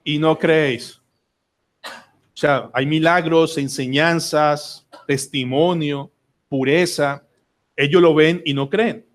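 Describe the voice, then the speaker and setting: Colombian male pastor, fairly high voice, earnest church sermon. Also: fairly even intonation. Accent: Colombian Spanish. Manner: earnest preaching with dramatic pauses and repetition. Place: church sanctuary.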